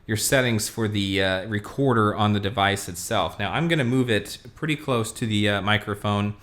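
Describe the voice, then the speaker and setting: A man hosting a casual tech product review, talking through a demo in a relaxed way with many fillers. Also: lowish voice, normal speed. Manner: relaxed, lots of fillers, talks while demonstrating.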